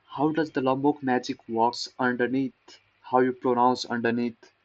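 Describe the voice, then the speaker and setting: A man's voice: medium pitch, steady tone, normal speed, muffled recording. A man talking casually through a programming article, rambling, making fun of himself and repeating words to practice saying them. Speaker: programmer reading a tech post. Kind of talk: casual screen-recorded coding talk.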